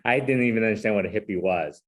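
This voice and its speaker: A man who grew up in Hong Kong and San Francisco, speaking as an interview guest in a relaxed, self-deprecating way and often tagging his points with "right?". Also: on the low side, fast. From Hong Kong, raised in San Francisco. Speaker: guest, corporate chief legal officer. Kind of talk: casual interview conversation.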